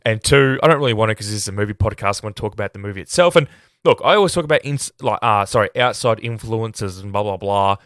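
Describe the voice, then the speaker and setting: Though ill and close to losing his voice, this Australian film review podcaster sounds lowish, animated and quick, with a bit of brightness. His casual talk is hesitant, rambling and self-deprecating, captured in clean studio audio with no room sound.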